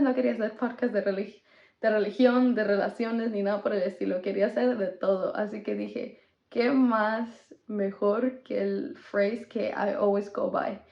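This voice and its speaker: A talkative young woman, chatting casually as a podcast host and switching between English and Spanish. Her voice sits a little high, with a gravelly edge. The sound is echoey and slightly dull. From Mexico. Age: 20s. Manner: chatty, code-switching, with small laughs.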